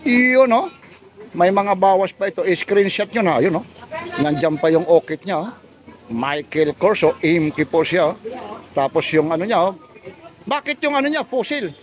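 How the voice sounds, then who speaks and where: Male street vlogger, high voice, chatty patter full of tag questions, outdoor market, phone camera. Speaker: vlogger showing goods at a market stall. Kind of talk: casual street vlog chat.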